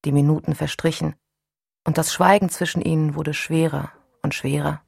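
A woman reading an audiobook as narrator, in an even, unhurried scripted narration. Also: sits low, gravelly, breathy edge, dry recording, clean studio sound.

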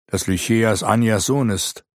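A man voicing a resolute knight hero, speaking calmly and explaining. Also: fairly low pitch, unhurried, no echo, clean studio sound, voice pushed up, lightly acted. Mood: earnest. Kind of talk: audiobook character reading.

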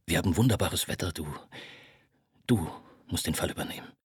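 A cracked, stammering man slurring half-whispered words down a deep low register, as an audiobook reader puts him on. His rough, husky voice falters and breaks off mid-phrase, recorded close and dry. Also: a little fast, no room sound. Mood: urging. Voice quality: cracked, brittle voice. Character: broken-voiced troubled middle-aged man, drunk-sounding. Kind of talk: audiobook dialogue.

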